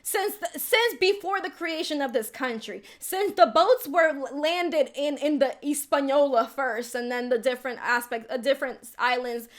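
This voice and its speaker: A woman's voice: high voice, normal speed, few pauses. A young woman born in the Dominican Republic giving casual reaction commentary, chatty and full of "like" fillers. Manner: chatty, heavy use of "like" as filler. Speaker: video commentator.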